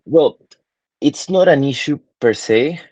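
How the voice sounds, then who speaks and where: A Peruvian man in his twenties who works as a digital marketing consultant answers interview questions thoughtfully, full of fillers and restarts. His voice is fairly high and a little mellow, with lively intonation and a slow pace. The audio is dull, with no echo.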